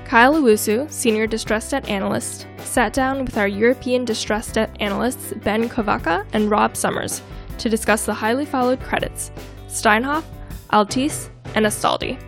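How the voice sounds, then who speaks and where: A woman co-hosting a podcast, reading scripted financial news in a crisp, clear way. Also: fairly high pitch, normal speed, soft background music. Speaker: co-host and news reader.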